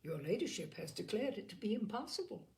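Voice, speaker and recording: A woman voicing a composed, defiant young gentlewoman in an audiobook of a classic novel, cool and pointed in her measured replies. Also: mid-range voice, big pitch swings. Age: young adult.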